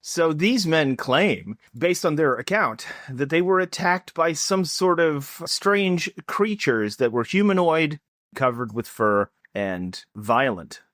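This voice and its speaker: Lively jokey man telling a story. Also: takes it slowly, dry recording, studio quality. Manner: lively, jokey storytelling with big pitch swings. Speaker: podcast co-host telling the story. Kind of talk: casual comedic podcast chat.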